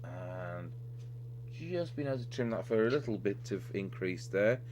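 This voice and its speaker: At an indoor radio repair workbench, a man with a fairly low, darkish voice speaks expressively at normal speed. He walks through an unscripted, hands-on repair step by step, a bit hesitantly. The recording is clearly noisy, with electrical hum.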